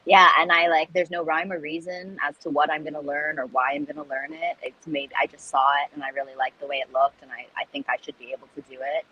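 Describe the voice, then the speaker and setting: A woman chatting casually as a guest, animated and self-deprecating, repeating words for emphasis. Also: low-pitched, fast talker, hardly any pauses, lo-fi sound. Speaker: guest, recreational jump roper. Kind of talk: casual chat about learning skills.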